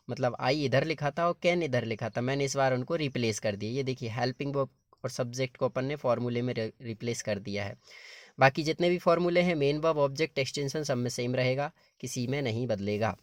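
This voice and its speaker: A man's voice: medium pitch, a little fast, no echo. A male teacher explaining grammar patiently, step by step, in a classroom-lesson style. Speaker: English teacher.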